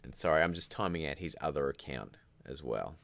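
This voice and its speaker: A man's voice: extremely low pitch, expressive, fairly quick, creaky, a bit bright, dry recording. A man hosting a casual livestream, rambling and chatty in a groggy morning voice, talking from home. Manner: rambling, chatty, reads out viewer comments. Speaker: livestream host.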